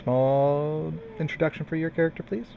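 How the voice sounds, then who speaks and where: A man's voice: on the high side, fairly even intonation, moderate pace, gravelly, phone-quality sound. A man casually hosting a tabletop roleplaying game as game master over an online voice chat. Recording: faint background noise, online voice chat.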